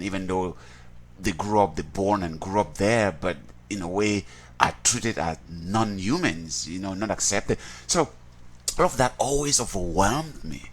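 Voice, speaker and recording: A man from Cameroon, speaking in a fairly low voice. He gives an earnest, reflective personal account in an interview, often restarting and repeating words as he searches for them. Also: slight background noise.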